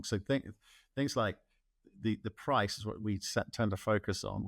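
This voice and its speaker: A man's voice: lowish voice, creaky, no room sound, studio quality. A man hosting an interview, chatty, asking rambling questions with restarts. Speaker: interview host. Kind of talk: casual interview talk.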